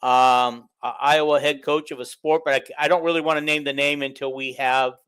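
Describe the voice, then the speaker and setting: Smooth-voiced chatty man hosting a podcast. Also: medium pitch, steady tone, brisk, a bit bright. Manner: chatty, upbeat, laughs easily. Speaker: podcast host. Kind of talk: casual sports podcast sign-off.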